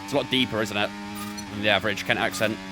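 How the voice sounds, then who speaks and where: Speaking quickly over music, a young man with a lowish, fairly even voice streams a racing game from his bedroom. Between laps he chats casually with his viewers.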